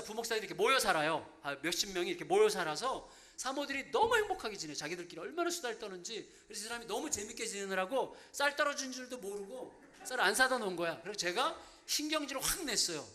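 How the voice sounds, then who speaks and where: A man's voice: high-pitched, fast, few pauses. A man in his fifties, a pastor preaching a sermon and telling a humorous story. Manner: animated, humorous storytelling with acted-out quotes.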